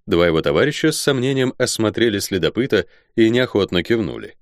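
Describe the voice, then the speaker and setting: A man narrating a fantasy audiobook in an expressive storytelling manner. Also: lowish voice, brisk, no echo, clean studio sound.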